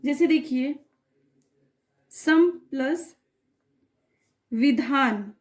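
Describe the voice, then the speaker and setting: A woman's voice: high-pitched, takes it slowly, a little mellow. A woman teaching a grammar lesson for exam students, patiently explaining step by step and checking that the class follows. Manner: patient, repeats checks like "clear?" and "okay".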